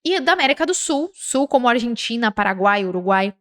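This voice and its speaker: A Brazilian woman teaching a language lesson, reading example sentences slowly and breaking into lively, chatty explanations. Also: a little high. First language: Portuguese. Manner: slow, drawn-out example words with lively asides. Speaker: Spanish teacher.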